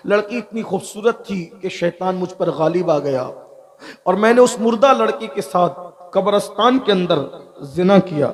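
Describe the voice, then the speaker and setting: A male preacher telling a story in an impassioned sermon, repeating phrases for emphasis and addressing the gathering. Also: high voice. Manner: repetitive, emphatic, addresses the audience. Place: live religious gathering.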